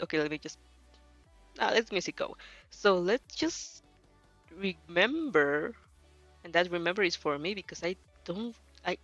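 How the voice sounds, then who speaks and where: A hesitant young woman whose first language isn't English chats casually and ramblingly on a stream, reacting to fan fiction with giggles and frequent self-corrections. Her voice is medium-pitched and a bit bright. There's no echo, but the dull lo-fi mic carries faint music in the background.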